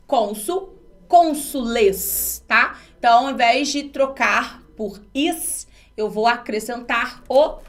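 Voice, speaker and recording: A woman from Brazil teaching an exam-prep grammar lesson, explaining step by step and asking her students rhetorical questions. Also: on the high side.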